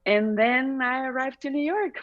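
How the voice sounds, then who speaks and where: With a high voice at a moderate pace, a middle-aged singer from Chile converses casually and reflectively as an interview guest, laughing often. She speaks Spanish natively with a Chilean accent, and her video call from a bright room at home sounds slightly dull.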